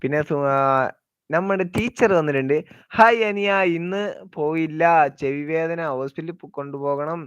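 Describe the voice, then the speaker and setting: A man's voice: fairly high pitch, moderate pace, smooth. A chatty man with a slightly raised voice hosts a casual live stream and greets viewers by name as he reads their comments. His voice sounds dry and a little dull, with no room echo.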